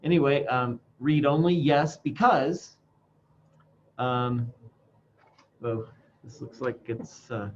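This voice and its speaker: A man is teaching software to a class, his voice muffled by a face mask. He talks informally and haltingly, thinking aloud as he demonstrates. The recording is dull and lo-fi, with a faint bed of noise behind him. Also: medium pitch. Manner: speaking through a face mask. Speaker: instructor.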